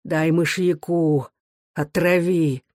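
Reader doing dying bitter old workman, low hoarse growl, slow, dry sound. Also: fairly even intonation, darkish tone, no echo, lightly acted. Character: dying surly male factory locksmith, gruff.

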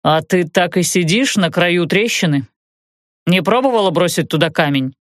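A woman reading the lines of a stern, calm man who leads a group of prisoners, giving measured orders in an audiobook. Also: fairly low pitch, no room sound, studio quality, lightly acted. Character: stern male prisoner leader, calm and commanding. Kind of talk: audiobook narration.

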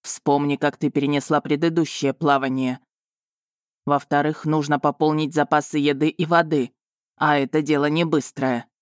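A woman voicing a proud, brooding male dragon lord who speaks in a cool, measured, slightly mocking way. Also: low-pitched, little pitch movement, no echo, clean studio sound, lightly acted.

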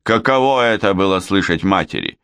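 Casting note: a bitter, snappish older Frenchwoman villain, read by a man with a low, lively voice in a dry booth. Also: a little fast, creaky, smooth, no room sound, full character voice. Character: vengeful scheming older Frenchwoman, spiteful. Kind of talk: audiobook character voice.

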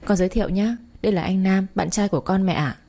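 A woman's voice: medium pitch, fast talker, mellow, natural voice. A woman voicing a spirited young mother in a story, pert and a little defiant.

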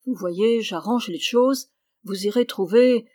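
A woman's voice: mid-range voice, moderate pace, darkish tone, no echo, close to an everyday voice. A woman voicing a stout middle-aged man, a master who loses his temper, reading with a commanding, raised voice. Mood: placating. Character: stout middle-aged male master, anxious then furious.

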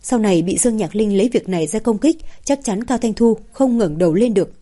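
A woman's voice: medium pitch, animated, a little fast, warm tone. A woman reading a novel aloud as narrator. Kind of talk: scripted audiobook narration.

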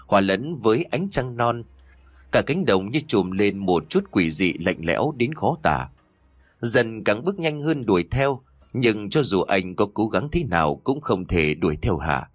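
Low-voiced man narrating a ghost story. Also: a little slow, dry recording. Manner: steady, suspenseful reading. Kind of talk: scripted horror story narration.

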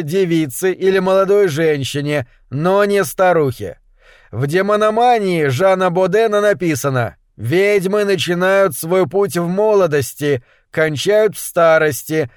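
A man's voice: sits high, smooth, no echo, clean studio sound, voice pushed up. A man voicing a solemn, authoritative witch investigator making formal pronouncements.

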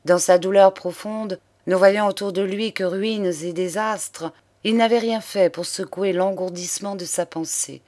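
A woman narrating a classic crime novel in a measured, expressive reading voice. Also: medium pitch. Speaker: audiobook narrator.

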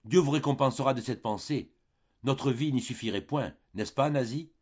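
A man reading aloud, voicing a tender, anxious young baroness who speaks softly and makes peace, in a husky tone. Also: mid-range voice, normal speed, dull audio, pitched above the performer's own voice, natural voice.

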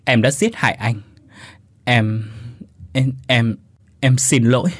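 A man's voice: medium pitch, steady tone, slow, no room sound. A man voicing a remorseful woman's ghost who weeps and stammers apologies.

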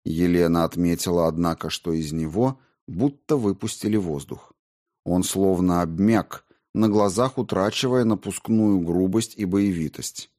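A man reading an audiobook in a measured, even storytelling manner. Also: deep voice. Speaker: audiobook narrator. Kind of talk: scripted narration.

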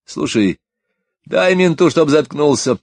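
A man voicing a cocky male police detective who talks loudly and sarcastically, in an audiobook. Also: on the high side, animated, slow pace, creaky, breathy edge, dry recording, voice pushed up, heavily acted. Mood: mocking. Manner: loud, sarcastic.

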